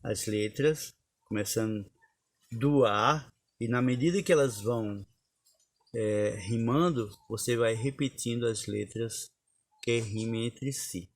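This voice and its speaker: Slow, patient teacher. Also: male voice, medium pitch, no room sound. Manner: unhurried, explains step by step and recites verses. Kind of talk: lesson on cordel poetry.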